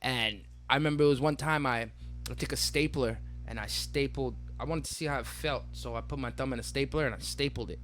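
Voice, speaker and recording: A young man co-hosting a podcast, telling childhood stories in a loose, animated way and acting out the voices. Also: mid-range voice, a little fast, slight background noise. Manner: animated storyteller, acts out voices, laughs often. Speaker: podcast co-host. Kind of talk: casual chat.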